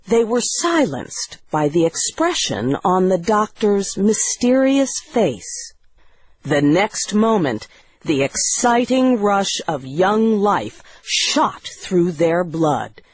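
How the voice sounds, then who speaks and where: A woman narrating a story in a slow, deliberate reading voice with clear phrasing. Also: medium pitch, very animated, a little mellow, dry recording.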